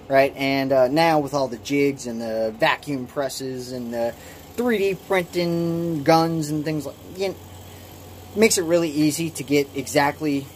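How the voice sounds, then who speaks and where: A man's voice: mid-range voice, a little mellow, slight background noise. A man in his late twenties casually walking through his home holster workshop, rambling and self-deprecating, with lots of restarts and ums. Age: late 20s. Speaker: hobby kydex holster maker. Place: small home workshop shed. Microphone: phone camera.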